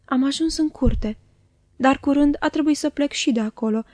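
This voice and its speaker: Woman reading a novel aloud, dark-toned. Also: high voice, dry recording. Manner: calm, even storytelling. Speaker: audiobook reader. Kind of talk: scripted narration of a novel.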